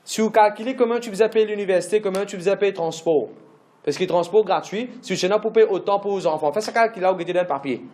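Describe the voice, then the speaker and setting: A man's voice: sits high, quick pace, darkish tone, roomy sound. A man pastor, preaching a sermon emphatically with lots of repetition and English phrases mixed in.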